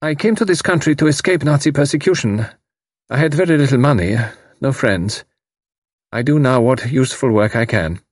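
A man's voice: mid-range voice, normal speed, no room sound, clean studio sound, voice pushed up, natural voice. Grave, stiffly formal young refugee, voiced by a male narrator.

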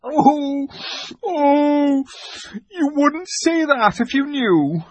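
A reader voicing a sorrowful male fawn who speaks slowly through heavy sobs. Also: high-pitched, no room sound, muffled recording, pitched above the performer's own voice. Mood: sobbing. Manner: sobbing, slow and anguished. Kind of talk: audiobook character voice.

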